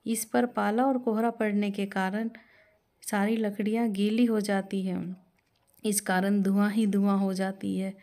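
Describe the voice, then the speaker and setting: Woman storyteller with a mellow voice. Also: mid-range voice, flat delivery, unhurried. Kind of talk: moral story narration.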